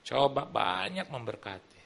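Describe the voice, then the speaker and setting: A man's voice: mid-range voice, measured pace, creaky. A middle-aged male pastor preaching in church, telling stories and acting out the people in them. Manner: animated, acts out quoted people. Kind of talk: sermon with storytelling.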